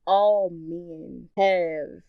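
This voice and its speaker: A woman with a fairly low voice hosts a solo podcast, talking earnestly and with emphasis in a relaxed, conversational way. The sound is dry and close, with no room around it. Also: drawn-out words, creaky, dry recording, phone-quality sound. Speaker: podcast host.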